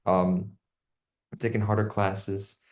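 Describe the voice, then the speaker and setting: Low-voiced young man, casual. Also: takes it slowly. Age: young adult. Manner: relaxed, many fillers like 'um' and 'you know'. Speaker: student co-host. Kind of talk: casual podcast conversation.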